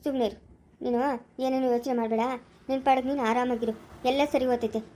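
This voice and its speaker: A performer with a Chikkaballapura Kannada accent playing a young husband in a family home drama skit, talking in a soft, low-key, coaxing way. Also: flat delivery, fast talker, close to an everyday voice. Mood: soothing. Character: young husband, soothing and reassuring.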